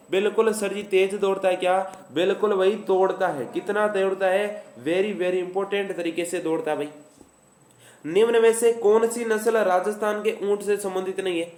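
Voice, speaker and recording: A man with a Rajasthani accent teaches a live online exam-prep class, repeating his lines and acting out the students' answers himself. His voice is high-pitched with a darkish tone, and the recording is reverberant.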